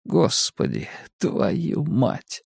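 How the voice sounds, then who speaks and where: A bound, gagged young man in pure panic, as a male reader voices him, crying out in strained, muffled bursts. The cries jump well above the reader's usual pitch. The sound is dry and close. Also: big pitch swings, drawn-out words, darkish tone, no room sound, full character voice. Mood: panicked.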